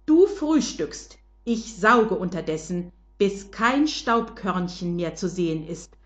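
A woman voicing a strict, scolding mother who barks loud, clipped commands. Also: lowish voice, animated, takes it slowly. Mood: stern.

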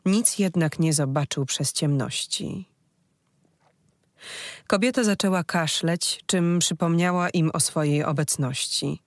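An audiobook narrator reading a dark folk fantasy story in a steady, measured way. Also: mid-range voice, no room sound, studio quality.

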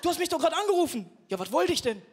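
A man's voice: extremely high pitch, sing-song, very fast. A male comedian voicing his forgetful, laid-back young male buddy in a drawling way. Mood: confused. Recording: live show with audience and noise.

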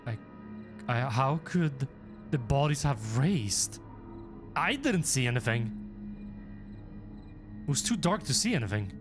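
Lively, joking man playing a horror game. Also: medium pitch, takes it slowly, pauses often, over music. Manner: jokey, animated reactions with nervous laughter. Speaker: gaming YouTuber. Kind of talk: horror game playthrough commentary.

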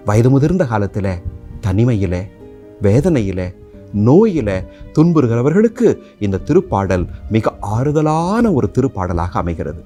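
Man preaching with a lively, rising-falling voice. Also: medium pitch. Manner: prayerful, rhythmic repetitions. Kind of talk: sermon.

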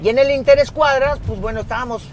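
A man with a Mexican accent, a former footballer, telling a crude, animated story in casual conversation. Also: very high-pitched, quick pace, soft background music. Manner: animated, crude, laughing between lines.

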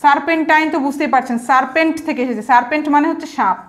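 A woman's voice: high voice, racing. A woman teaching English vocabulary, explaining each word patiently and slipping English example sentences into her talk. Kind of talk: explanatory lesson.

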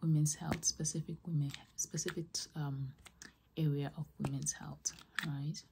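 A woman with a low voice delivers whispered ASMR chat, slipping between breathy whispers and soft speech. She is close to the microphone, and the recording has clear background noise with clicks. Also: flat delivery, measured pace. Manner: soft, repetitive trigger words. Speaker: ASMR host.

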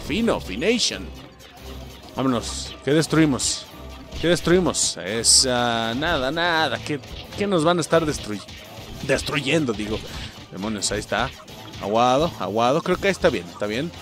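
A young man with a Mexican accent narrates his gameplay in a very lively voice that swings widely in pitch. He sits a bit above the usual male pitch, keeps cussing, and turns to his viewers with a playful, fired-up manner. Faint game music runs underneath. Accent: Mexican Spanish. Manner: animated, swears often, keeps addressing viewers as "muchachos". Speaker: gameplay streamer. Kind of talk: excited gameplay commentary.

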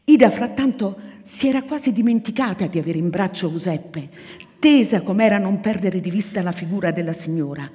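A woman actress reading a novel aloud to an audience, measured and expressive, her voice falling soft at pauses. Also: mid-range voice. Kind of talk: literary reading before an audience. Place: small theatre foyer hall. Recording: live in a reverberant theatre room.

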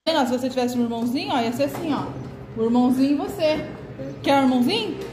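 A woman's voice: sits high, expressive, fast, music in the background. A young woman hosting a casual home vlog, bubbly and sing-songy as she talks with small children. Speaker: vlogger host. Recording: echoey room with background noise.

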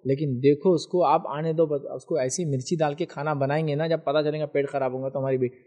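A man's voice: a little high, steady tone, a little fast, mellow, pitched below the performer's own voice, natural voice. A man doing a grumbling older parent-in-law. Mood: indignant grumbling.

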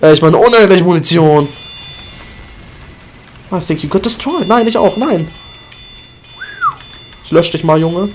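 Male gaming commentator, animated pitch, goofy outbursts, casual live commentary. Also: measured pace, long pauses, faint music behind. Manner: excitable, jumps into high-pitched shouts and goofy chants.

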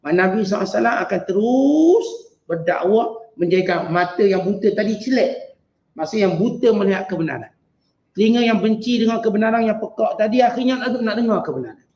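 A religious teacher with a Malaysian Malay accent gives a Quran exegesis lesson, chanting Arabic verses slowly before explaining them in lively everyday speech. His voice is high, and the poor-quality audio has a roomy sound.

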